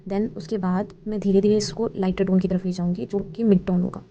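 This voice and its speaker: Woman explaining painting steps, low and gravelly, flat tone, talks quick, a bit dull with light hiss. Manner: explains steps calmly, mixing Hindi and English. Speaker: art tutorial host. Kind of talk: painting tutorial voice-over. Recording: slightly dull, faint hiss.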